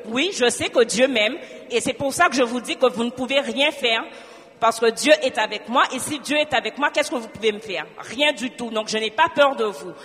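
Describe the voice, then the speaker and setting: A woman from Guadeloupe gives a spoken church testimony in a slightly high, somewhat bright voice, in a large hall. She tells her story with animation, acting out both sides of a conversation.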